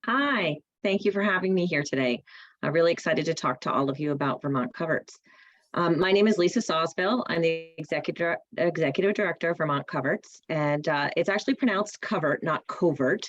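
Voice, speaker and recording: A woman's voice: deep voice, brisk, muffled recording. A woman directing a nonprofit, giving a friendly, informative talk to a public meeting over a video call. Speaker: presenter, nonprofit executive director.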